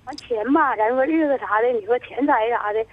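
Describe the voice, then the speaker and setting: A woman, calling in to a radio show and talking in a halting, rambling way. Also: fairly high pitch, no echo. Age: 50s. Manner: halting, rambling, stumbles over words. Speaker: caller. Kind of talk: radio call-in, telling her troubles. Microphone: telephone. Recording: tinny dry phone line.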